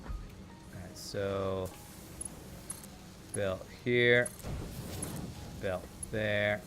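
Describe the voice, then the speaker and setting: Speaking extremely slowly over music, this gaming channel host keeps a fairly low pitch and fairly even intonation. Originally from California and raised in Texas from nine, he has a light twang and narrates his play casually, thinking aloud and mumbling asides.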